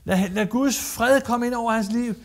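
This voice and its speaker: Man, guest preacher, sermon, high voice, emphatic, repetitive phrasing. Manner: emphatic, repeats phrases, acts out Bible quotes.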